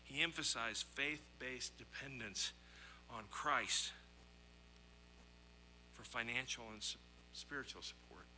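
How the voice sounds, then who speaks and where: Slowly, with long pauses, a man in a mid-range, bright and forceful voice preaches through poor audio carrying a little hiss or hum. He reads scripture and tells stories in an earnest, emphatic style full of rhetorical questions and repetition.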